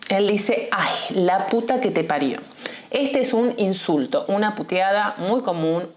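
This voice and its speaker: A woman with an Argentine accent gives a Spanish lesson. She explains clearly and patiently, and slows down to repeat key words. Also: lowish voice. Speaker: Spanish teacher.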